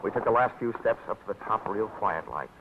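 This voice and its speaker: Johnny Dollar, an actor's wry hard-boiled investigator. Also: male voice, fairly low pitch, lively intonation, brisk, noisy background, close to an everyday voice. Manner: dry, wisecracking first-person narration. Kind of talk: 1940s radio acting. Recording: tinny old radio broadcast with music.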